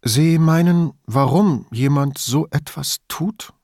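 A man voicing an indignant, frightened female veterinarian in an audiobook, raising his voice to sound higher and shaken. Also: sing-song, slow pace, husky, no echo, studio quality, full character voice. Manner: indignant, shaken pleading questions. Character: indignant frightened woman veterinarian, middle-aged.

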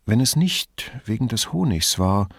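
A man reading an audiobook voices a thoughtful, curious woman who asks probing questions and gently teases. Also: lowish voice, big pitch swings, unhurried, gravelly, husky, no echo, clean studio sound, full character voice. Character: thoughtful middle-aged woman, curious, wry.

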